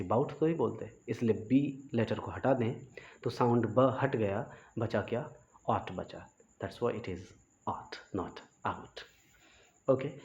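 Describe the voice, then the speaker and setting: A man's voice: medium pitch, darkish tone. A man teaching English grammar in Hindi and English, spelling words out letter by letter. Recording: slightly dull lo-fi audio.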